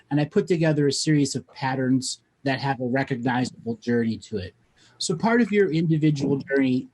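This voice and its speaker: A man's voice: mid-range voice, a little mellow. A man hosting a call-in show, giving spiritual readings to callers in a blunt, coaching manner.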